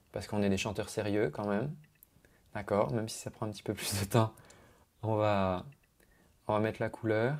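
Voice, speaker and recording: Sitting at his computer with his own mic, a male vocal coach with a mid-range voice breaks down a singer's technique. His talk is chatty and explanatory, full of singing jargon.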